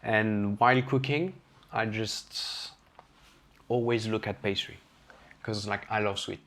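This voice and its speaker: Speaking slowly in a lowish voice, this French chef from France is a guest on an interview podcast. His casual storytelling is candid and animated, and he acts out the voices of the people he quotes.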